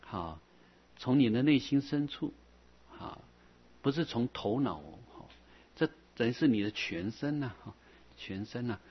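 A husky man gives a patient Buddhist dharma talk. He circles back over each point, softening his phrases with a drawn-out "ah". The recording sounds dull and lo-fi. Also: medium pitch, animated. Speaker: Buddhist teacher. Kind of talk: dharma lecture.

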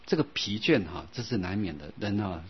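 A man teaching a Buddhist dharma lecture in a gentle, unhurried way, with soft filler sounds and slow, drawn-out recitation of scripture. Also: lowish voice, lively intonation, breathy edge. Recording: dull lo-fi sound.

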